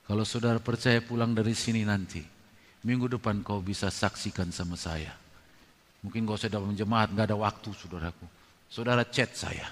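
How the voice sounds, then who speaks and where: A pastor preaching a sermon, swinging from loud emphatic bursts to low murmured asides as he addresses his congregation. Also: fairly even intonation, normal speed. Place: church hall. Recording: long reverb of a large hall.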